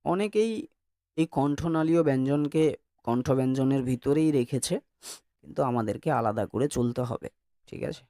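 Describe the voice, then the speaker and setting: A man's voice: mid-range voice, normal speed, warm tone, no room sound. Guy teaching a class, keeps nudging students to answer, repeats sounds to show them, dry mic. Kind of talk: classroom lecture.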